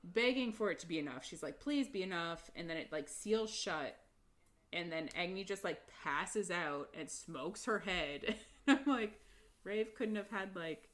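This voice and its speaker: A woman's voice: on the low side, expressive, unhurried, a bit bright. A woman co-hosting a casual book podcast, retelling chapters in a chatty way with frequent laughs and fillers. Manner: chatty, laughs often, lots of "like" and "um". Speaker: podcast co-host.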